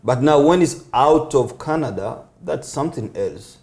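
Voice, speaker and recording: A man's voice: mid-range voice, lively intonation, normal speed, a little mellow. A man from eastern Congo hosting an interview, asking questions in loose, informal phrasing. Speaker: interview host. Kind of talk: casual interview talk.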